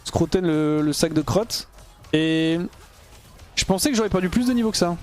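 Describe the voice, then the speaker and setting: A young male streamer chats casually over his own gameplay through a gaming headset, thinking out loud in slang peppered with English gamer terms. His voice sits high with a somewhat dark tone, and he talks at a normal speed.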